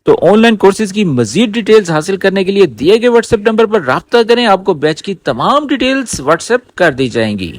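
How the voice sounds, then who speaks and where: High, lively man teaching spoken Arabic. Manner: explains slowly, repeats phrases word by word. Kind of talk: language lesson.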